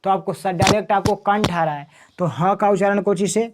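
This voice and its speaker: A man's voice: high-pitched, fairly even intonation, brisk. A man teaching a grammar lesson, repeating sounds and answering his own questions in drills. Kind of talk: classroom grammar lesson with call-and-response drills.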